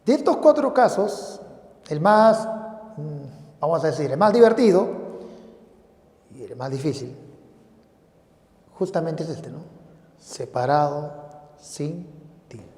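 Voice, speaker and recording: A man's voice: fairly high pitch, animated, slow, pauses often, darkish tone. A man teaching a grammar lesson. He poses his students' questions himself, then answers them, and repeats the key phrases. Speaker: language teacher. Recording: roomy hall reverb.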